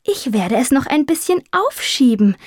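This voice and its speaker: A woman's voice: sing-song, moderate pace, a little mellow, no echo, clean studio sound. A woman voicing a young male tomcat who talks in a grandiose, theatrical way, like a dramatic would-be minstrel. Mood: tragic, pompous. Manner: grandiose, theatrical, high-flown speech. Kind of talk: audiobook character voice.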